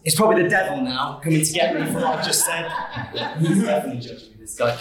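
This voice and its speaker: A young man from the Manchester area of England tells funny, self-deprecating stories about his life to an audience, joking with quick asides. His voice is a little high with lively intonation, picked up from far off in an echoey hall with crowd noise.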